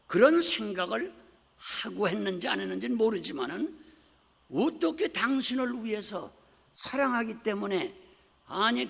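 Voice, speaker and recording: An older man preaching a sermon as pastor, telling stories with lively acted-out voices and frequent asides to the congregation. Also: high-pitched, vocal fry, husky. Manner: animated storytelling, acts out quoted voices, frequent "네?" asides. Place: church sanctuary. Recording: long hall reverb.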